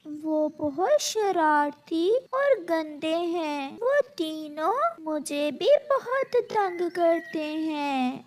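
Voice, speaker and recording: A woman's voice: high-pitched, animated, extremely slow, darkish tone, exaggerated voice. A woman voicing a frightened young girl butterfly in a children's cartoon, pleading and whimpering. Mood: scared pleading. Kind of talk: cartoon voice acting.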